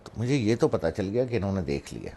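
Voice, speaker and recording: Brief: middle-aged man, low voice, relaxed anecdote-telling. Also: a little hiss or hum. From Pakistan. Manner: relaxed storytelling, pointing out gestures as he speaks. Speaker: speaker giving a moral talk. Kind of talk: personal anecdote in a talk.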